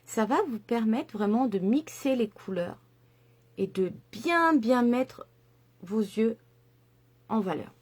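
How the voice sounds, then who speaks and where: A woman's voice: on the high side, animated, takes it slowly, pauses often, darkish tone. Chatty woman doing a makeup tutorial. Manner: chatty and enthusiastic, many fillers and asides. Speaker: makeup vlogger.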